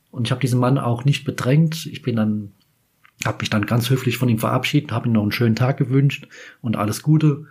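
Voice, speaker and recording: Husky-voiced man telling a casual anecdote. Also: mid-range voice, darkish tone. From Kaiserslautern, Germany. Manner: chatty, meandering, self-correcting. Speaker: podcast host.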